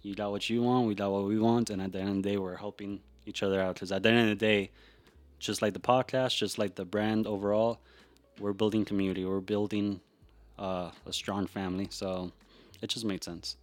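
A man hosting a podcast, talking in a relaxed, rambling way with frequent restarts. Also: on the low side, fairly quick, no room sound. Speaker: podcast host. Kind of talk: casual podcast chat.

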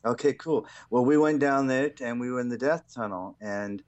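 A man speaking as an interview guest, casually and haltingly telling an anecdote. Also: medium pitch, a little mellow, no echo, highs cut off.

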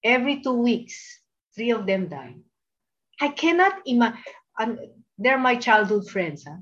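Preaching with a Filipino accent, this woman emphasizes her points and keeps engaging listeners with tag questions. Her fairly high, fairly bright voice is very animated yet unhurried, and the recording is dull and lo-fi.

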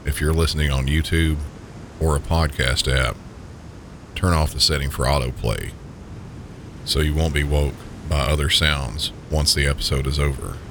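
With a Southern US accent and an extremely deep voice, the man narrates sleep stories for a podcast. His guidance is unhurried, calm and gentle, easing the listener toward rest over a loud, steady pink-noise rumble.

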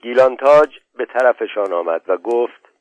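A man narrating a novel as an audiobook in a calm, measured reading. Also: medium pitch, no room sound. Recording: dull, dry lo-fi audio.

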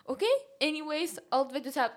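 A young woman with a Finland Swedish accent, co-hosting a podcast and telling a story in a casual chat, animated and laughing, slipping English phrases in. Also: sits high. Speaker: podcast co-host.

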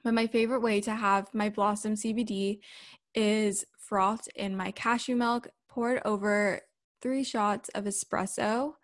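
A woman in her twenties hosts a solo podcast in a casual, conversational style. She talks directly to listeners and moves between chatting and sponsor reads, at a middle pitch for a woman. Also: fairly even intonation, measured pace. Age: 20s. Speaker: podcast host.

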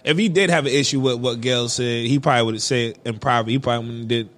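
A young man co-hosting a podcast in casual chat, animated, laughing often and acting out quotes. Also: fast. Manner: animated, loud laughter, acts out quotes with a raised pitch. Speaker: podcast co-host.

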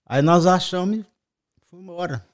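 A man's voice: high-pitched, moderate pace. A man with a Brazilian accent, a father telling rambling travel anecdotes in casual family chat and chuckling as he goes. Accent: Brazilian Portuguese.

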